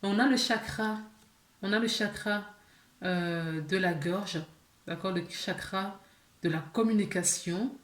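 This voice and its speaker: A woman's voice: medium pitch, takes it slowly, echoey room. A woman giving a casual tarot reading to her viewers, chatty, with many fillers, restarts and small laughs. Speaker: tarot card reader.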